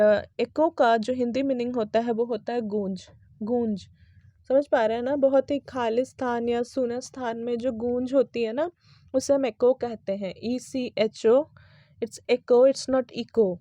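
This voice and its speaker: A woman's voice: on the high side, warm tone, no echo. Woman teaching English pronunciation. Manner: explains patiently, spells words letter by letter, often asks "right?". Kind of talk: casual classroom explanation.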